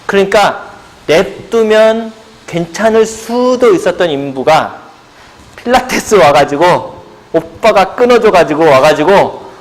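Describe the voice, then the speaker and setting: A man's voice: high voice, animated, unhurried. A middle-aged male pilates instructor giving a seminar lecture, asking the audience questions and answering them himself, with playful buzzer noises. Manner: playful buzzer sound effects. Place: seminar room.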